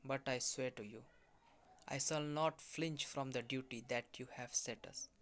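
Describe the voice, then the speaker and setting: A man voicing a rough, loyal male adventurer who speaks plainly and earnestly. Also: mid-range voice, steady tone, unhurried, a bit bright, close to an everyday voice.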